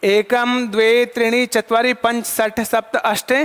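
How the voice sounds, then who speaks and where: A man's voice: very high voice, flat delivery, measured pace, a bit bright, clear, resonant tone. A man teaching an online lesson, asking questions and answering them himself and counting items aloud. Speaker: Sanskrit teacher. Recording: long hall reverb.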